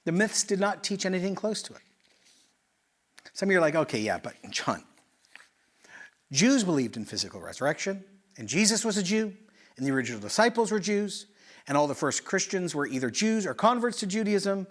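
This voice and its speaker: A middle-aged male pastor from Canada, preaching in an animated, conversational way with rhetorical questions and quick asides. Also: high voice. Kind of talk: sermon.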